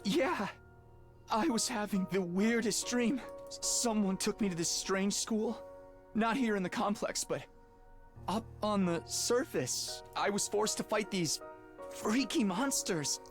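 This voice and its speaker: A woman's voice: medium pitch, a little slow, faint music behind, lightly acted. An actress playing a bewildered, earnest teenage boy hero in a video game, speaking hesitantly. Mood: uneasy, relieved.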